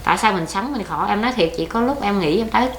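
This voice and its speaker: The recording, made in an echoey room with faint noise behind it, features an older woman with a Southern Vietnamese accent giving an oral history interview. She rambles plaintively through her life story, speaking fast in a mid-range voice with lively intonation.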